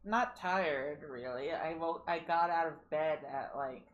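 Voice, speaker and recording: A woman's voice: low voice, muffled recording. A woman streamer chatting casually to herself while gaming, sleepy and sighing often. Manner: drowsy, sighing, talking to herself.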